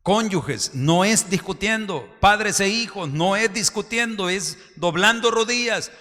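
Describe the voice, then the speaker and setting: A pastor preaching a sermon fervently, often dropping into a confiding tone. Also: male voice, high voice, a little slow, pushed and bright. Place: church hall. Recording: reverberant church hall.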